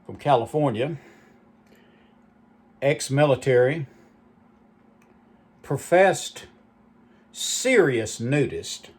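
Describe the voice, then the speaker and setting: A man's voice: mid-range voice, lively intonation, drawn-out words, long pauses, slightly rough. A man hosting his own channel, telling rambling, nostalgic stories with lots of asides. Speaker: channel host. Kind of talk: rambling reminiscing monologue.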